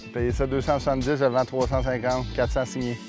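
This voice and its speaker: A man with a Quebec French accent and a medium-pitched voice banters casually with friends. His speech is very colloquial and salty, with faint music behind him. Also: level tone, fast. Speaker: player in a filmed golf outing.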